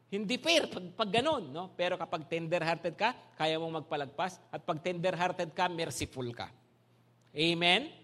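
A man with a Filipino accent preaching a sermon to a congregation, animated and full of rhetorical questions that check the listeners follow along. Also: sits high. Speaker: pastor. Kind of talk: bilingual sermon.

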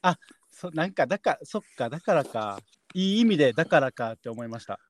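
A man's voice: on the high side, sing-song, quick pace. A man hosting a casual podcast, polite and playful, laughing often as he chats with a guest. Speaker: podcast host.

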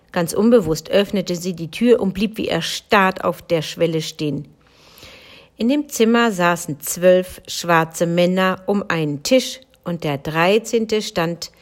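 A woman from Germany reading a fairy tale aloud as a bedtime story, in a calm, measured storytelling manner. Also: fairly low pitch. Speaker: reader.

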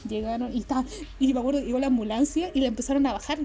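A woman with a Chilean accent tells stories in a high but mellow voice. She talks in a slangy, casual way, swearing freely and laughing through her tales. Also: fairly even intonation, racing, faint music behind. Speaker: storyteller. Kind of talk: casual anecdote telling.

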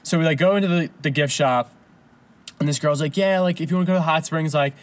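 A man telling a long story in casual chat, animated and full of swearing and laughter. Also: fairly high pitch, fast talker.

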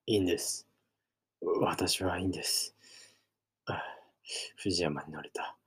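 Man doing frail polite sage, faint whisper, low husky voice, halting, storybook. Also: steady tone, exaggerated voice.

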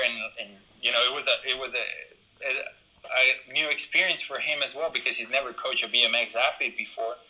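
A man's voice: mid-range voice, pushed and bright, low-quality recording. A young man from Ecuador, a BMX racer, talking casually in an interview with lots of fillers and restarts. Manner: rambling, many fillers and restarts.

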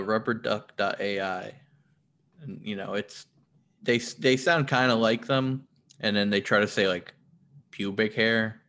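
A man with a fairly low voice hosts a casual podcast. He banters dryly and plays jokes straight and mock-earnest. His talk is loose and conversational. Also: sharp tone. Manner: dry, mock-earnest joking. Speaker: podcast host.

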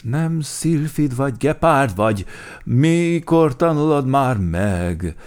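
A man voicing a grumpy male bear in a children's storybook who scolds and flatters the others. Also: high-pitched, creaky, pitched above the performer's own voice. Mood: scolding.

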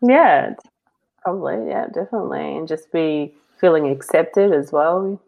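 Heard through lo-fi sound, a woman from New Zealand speaks in a low voice with vocal fry and a measured pace. She is a guest in a casual chat-style interview, reflecting openly and rambling, with frequent fillers and quiet laughs.

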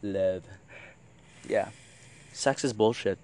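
A man's voice: fairly low pitch, slow pace, warm tone. A young man with a Filipino accent rambling in a giggly, drunken way in casual podcast chat, repeating himself and swearing. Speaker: podcast host. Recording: faint background noise.

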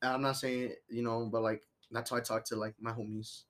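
A man's voice: medium pitch, little pitch movement, brisk, fairly bright tone, a little hiss or hum. A drunk man hosting a podcast in casual, slangy, sweary chat. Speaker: podcast host.

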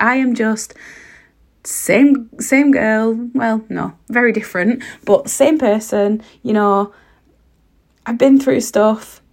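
A woman podcast host and coach with a hoarse, croaky voice, giving an emphatic motivational talk straight to the listener, repeating phrases for weight. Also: mid-range voice. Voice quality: husky, croaky. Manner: emphatic, repetitive, direct address to listener. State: hoarse, sore voice.

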